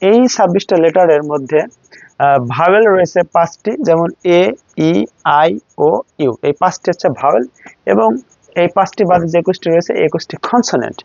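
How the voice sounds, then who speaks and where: A man with a Bangladeshi accent teaching English letter pronunciation, repeating each letter slowly in a classroom style. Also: fairly high pitch, animated, gravelly, a little mellow, dry recording. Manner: slow, drilling letters one by one. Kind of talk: classroom lesson. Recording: dull, dry sound.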